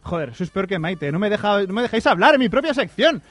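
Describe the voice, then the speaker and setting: A man presenting his own segment on a comedy radio show, deadpan and mock-complaining. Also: high voice, fast, dry recording.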